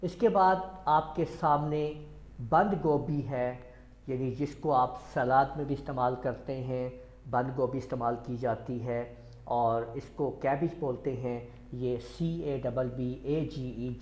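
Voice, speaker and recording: Slow-talking Pakistani man teaching pronunciation. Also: medium pitch, a little mellow. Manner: repeats each word several times, spells it out letter by letter. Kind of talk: slow classroom lecture. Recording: echoey room, dull lo-fi sound.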